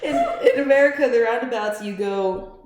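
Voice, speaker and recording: A woman's voice: a little high, normal speed. A young adult woman hosting a casual podcast chat, talkative and giggly, often trailing off mid-thought. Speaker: podcast host. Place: echoey room. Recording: roomy echo, faint noise.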